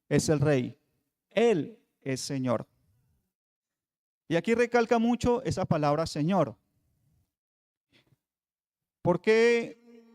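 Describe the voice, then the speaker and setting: A man preaching a Bible study sermon, with rhetorical questions and emphatic pauses. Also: high-pitched, a little mellow. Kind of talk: radio sermon teaching. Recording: long hall reverb.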